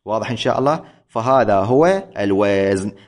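A man's voice: fairly low pitch, animated, darkish tone. Man teaching, chanting out metre. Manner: slowly chants out syllables and metre patterns, often correcting himself. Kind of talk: classroom lecture on poetic metre.

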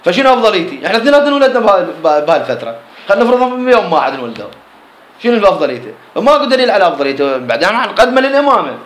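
Brisk Iraqi teacher, higher-pitched male voice, lectures with rhetorical questions, roomy echo. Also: big pitch swings, a bit bright. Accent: Iraqi Arabic. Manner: explains line by line, asks and answers his own questions. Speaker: teacher of Islamic jurisprudence. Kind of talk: classroom lecture explaining a text.

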